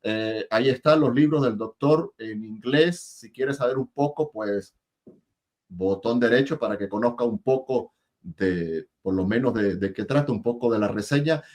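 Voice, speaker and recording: A male interview host talking over a video call, chatty and quick to laugh, often repeating his words. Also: medium pitch, darkish tone. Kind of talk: casual interview and enthusiastic sign-off.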